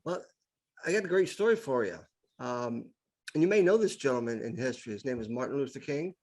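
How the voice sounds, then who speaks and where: Animated and brisk, with a darkish tone in a mid-range voice, this middle-aged man is an improv speaker appearing as a podcast guest. He spins casual stories enthusiastically, often repeating words to build toward his point.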